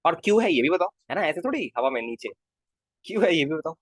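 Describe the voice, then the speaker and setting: A man's voice: on the high side, big pitch swings, fast talker, husky, dry recording, studio quality. A male physics teacher in a casual live class, coaxing his students with constant questions and calling them kids. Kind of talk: live online class lecture.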